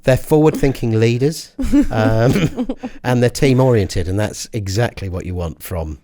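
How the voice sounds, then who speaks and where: A man's voice: mid-range voice, lively intonation, measured pace, mellow. A British man hosting a podcast in casual comic banter, rambling and hesitant, with dry teasing. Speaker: podcast host.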